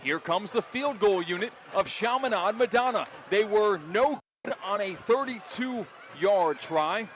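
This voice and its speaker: An American man calls a football game live on the radio, his fairly bright, high-pitched voice expressive and a bit slow. His play-by-play is emphatic and dramatic, with clear outdoor stadium noise in the background.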